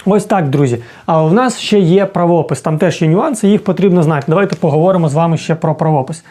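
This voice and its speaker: In a casual video lesson, a man acting as an English teacher explains things slowly and frequently checks in with the listener. His voice is a little high and a little mellow.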